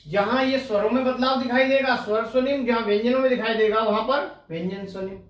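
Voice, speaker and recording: A man with a strikingly high voice gives an exam-prep lecture, explaining step by step. He poses questions to the class and answers them himself, drawing out the words he stresses. He sounds set back from the mic in a roomy, echoing space. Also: steady tone, fairly bright tone, distant mic. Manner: slow, deliberate explaining with drawn-out stressed words. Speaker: Hindi linguistics teacher. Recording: echoey room, voice away from the mic.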